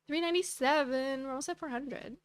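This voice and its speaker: Chatty woman streamer, high voice. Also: brisk, no echo. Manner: chatty, reacts to viewer chat, rambling asides. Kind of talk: casual livestream chat while playing.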